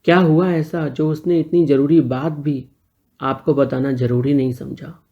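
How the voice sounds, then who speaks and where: A man's voice: on the high side, steady tone, unhurried, mellow. Shy teasing young guy, read by a man storyteller, pleading questions, kinda muffled audio.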